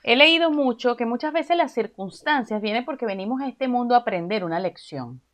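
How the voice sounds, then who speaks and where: A woman's voice: on the high side, expressive, fairly quick. A woman from Venezuela hosting an interview, asking long conversational questions. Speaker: interview host.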